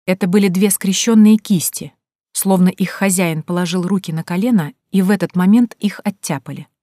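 A woman reading a first-person story aloud in a measured, hushed storytelling manner. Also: fairly low pitch, no echo, studio quality. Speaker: narrator. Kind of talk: first-person audiobook narration.

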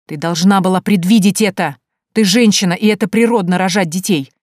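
A woman's voice: fairly low pitch, brisk, darkish tone, dry recording, clean studio sound, lightly acted. A woman voicing an indignant older mother. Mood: reproachful. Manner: reproachful, raised and scolding. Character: older gray-haired mother, disapproving and indignant.

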